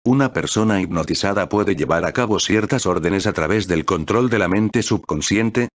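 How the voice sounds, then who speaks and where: Deep-voiced man reading a devotional book. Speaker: audiobook reader. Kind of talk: read aloud devotional audiobook.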